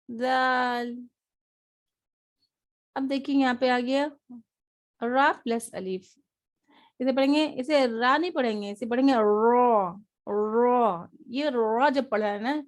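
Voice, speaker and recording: A woman teaching an online Quran reading lesson. She patiently repeats each letter sound slowly for her learners. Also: fairly high pitch.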